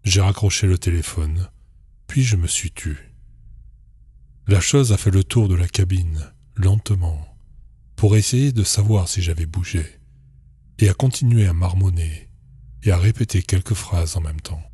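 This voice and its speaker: Male horror narrator with a very low, dark voice, calm and measured reading. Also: breathy edge.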